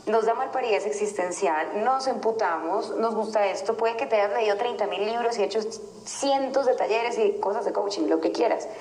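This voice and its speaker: A woman's voice: medium pitch, normal speed, roomy sound, low-quality recording. A Colombian woman coach hosting a casual live session and reading viewer comments aloud as she talks. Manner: warm, conversational, reads viewer comments aloud. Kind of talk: casual talk on a live stream. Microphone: phone.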